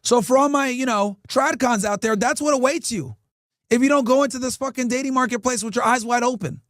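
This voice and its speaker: High-voiced man ranting with profanity. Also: a little fast, a bit bright, dry recording, studio quality. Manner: crude, profane, preachy; addresses chat directly. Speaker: podcast host. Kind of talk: ranting commentary.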